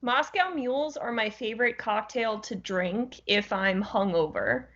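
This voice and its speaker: A woman's voice: a little high, unhurried, fairly bright tone. A woman co-hosting a casual podcast chat, teasing her friend with playful indignation. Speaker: podcast co-host. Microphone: video call. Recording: dull lo-fi call audio.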